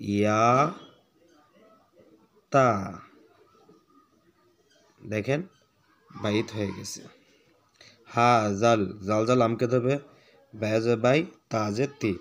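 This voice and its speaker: A man guides a handwriting lesson in an unhurried, measured way. His voice sits at a middle pitch. He names each letter and mark as he writes, then drags out the whole word syllable by syllable. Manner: names letters while writing, slows to chant words. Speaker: Arabic handwriting teacher. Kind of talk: step-by-step writing lesson.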